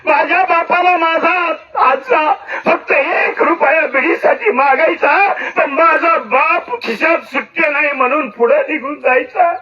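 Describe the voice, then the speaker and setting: A man's voice: extremely high pitch, a little slow, few pauses. A man voicing a grieving young grandson who speaks in an impassioned, reproachful way. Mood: tearful. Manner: impassioned, reproachful, near tears. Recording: distant muffled lo-fi recording.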